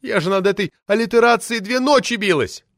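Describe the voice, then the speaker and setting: A woman's voice: mid-range voice, fairly quick, no echo, clean studio sound, pitched above the performer's own voice, natural voice. A man voicing a pompous, imperious woman poet who shrieks her indignation and keeps invoking powerful friends, in an audiobook reading. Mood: shrill outrage. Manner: shrieking, indignant, name-dropping.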